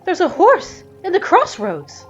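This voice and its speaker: A woman's voice: very high-pitched, wildly swooping pitch, unhurried, dull audio, soft background music, voice pushed up, exaggerated voice. A woman voicing Elise, a flustered, defensive young woman in a game, speaking in urgent exclamations. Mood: insistent. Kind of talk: game voice acting.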